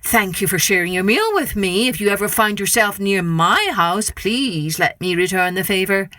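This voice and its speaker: A woman voicing a mild, polite male turtle in a trickster tale, speaking courteously and with measured manners. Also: mid-range voice, lively intonation, pushed and bright, no room sound, clean studio sound.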